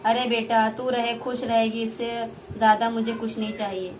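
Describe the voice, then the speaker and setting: A woman's voice: a little high, level tone, normal speed, noisy background, lightly acted. A woman voicing a poor, worried old father. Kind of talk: puppet play performance.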